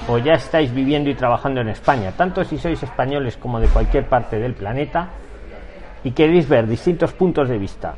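A man hosting his channel, with slow, deliberate greetings and a teasing manner. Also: medium pitch, a little mellow. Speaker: channel host. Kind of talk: casual live chat.

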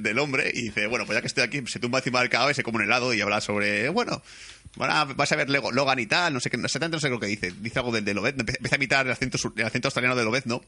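Young man, podcast co-host, rapid animated film chat, quick pace, bright tone. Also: mid-range voice. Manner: rapid, animated retelling with put-on voices for quotes.

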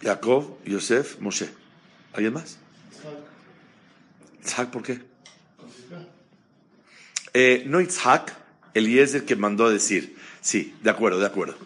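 A man giving a Torah class, animated, asking the audience questions and mixing Hebrew terms into his speech. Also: on the low side, slow, long pauses, a little hiss or hum. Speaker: rabbi teaching a class.

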